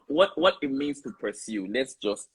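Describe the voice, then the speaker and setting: Husky, lively male talk host. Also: medium pitch, moderate pace, low-quality recording. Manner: animated, stumbling restarts, laughs often. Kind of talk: casual live discussion.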